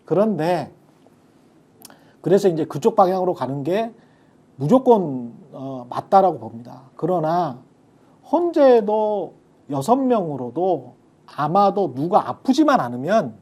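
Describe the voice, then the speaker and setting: A man's voice: sits high, big pitch swings, unhurried, darkish tone, breathy edge. A man on a political talk show, giving his views emphatically and drifting into blunt casual speech.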